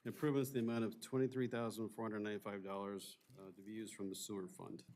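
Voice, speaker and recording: A man with a somewhat low voice runs a city council meeting as mayor. He moves briskly through motions and reads legal language aloud in a formal, procedural way, with a faint hiss under the recording. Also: level tone, a little mellow. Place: council chamber.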